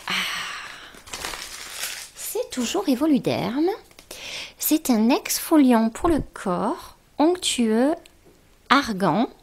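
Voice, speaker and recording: A woman's voice: on the high side, very animated, darkish tone. A woman chatting casually as she unboxes beauty gifts, gushing with exclamations. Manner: gushing, exclamatory, slow and drawn out. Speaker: beauty vlogger.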